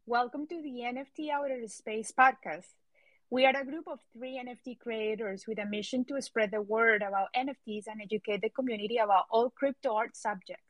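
Woman podcast host; friendly, reads intros, asks open questions; slightly high voice. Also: moderate pace, no room sound. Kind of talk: interview hosting.

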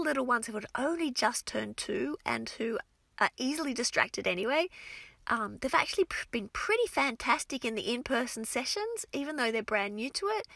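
A woman who teaches French to young children, giving casual advice to other teachers in an expressive, energetic way with frequent restarts. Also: sits high, dry recording.

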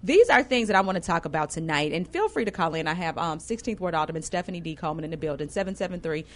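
Low-pitched woman with a Chicago accent. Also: expressive, quick pace, fairly bright tone. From Chicago, United States. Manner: colloquial, familiar. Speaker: radio talk show host. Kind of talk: casual call-in radio interview.

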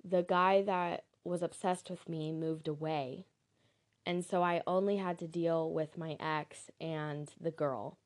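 Young woman, low voice, slow unhurried delivery, candid casual storytelling with swearing. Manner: candid, swears, laughs at her own story.

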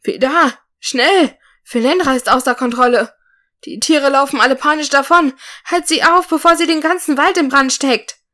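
A woman voicing a loyal, frightened male dwarf with a high, trembling voice. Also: fairly even intonation, normal speed, fairly bright tone, close to an everyday voice. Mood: panicked shouting. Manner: high-pitched, shaky voice.

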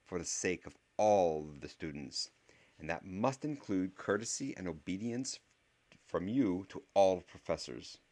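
A man with a very deep voice voicing a strict older woman professor who speaks in a clipped, sharp way. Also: animated, a little slow. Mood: stern.

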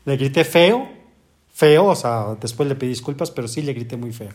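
A middle-aged man with a Mexican accent, a stepfather co-hosting a casual family podcast, calm and with dry humor. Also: mid-range voice, moderate pace. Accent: Mexican Spanish.

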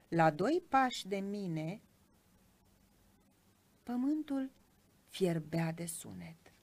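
A woman hosting a book show, reading a children's story aloud in an expressive, lilting way. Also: medium pitch. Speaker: radio book show host.

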